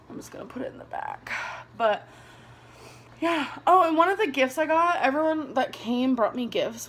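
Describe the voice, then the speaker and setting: A woman's voice: medium pitch, gravelly, a little hiss or hum. A woman in her twenties chatting casually to a camera on her desk, rambling and laughing often. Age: 20s. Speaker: vlogger. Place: small bedroom indoors. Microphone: camera on a desk below her.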